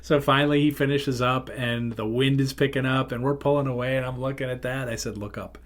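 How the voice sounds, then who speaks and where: A man's voice: mid-range voice, little pitch movement, brisk. A middle-aged man hosting a podcast, telling a rambling, self-interrupting road-trip story in casual chat. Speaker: podcast host.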